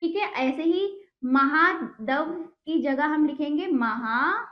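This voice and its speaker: High-voiced teacher, slow and patient. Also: female voice, animated. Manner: patient, quizzes and repeats answers slowly. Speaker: primary school Hindi teacher. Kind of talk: classroom lesson explaining exercises. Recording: echoey room, dull lo-fi sound.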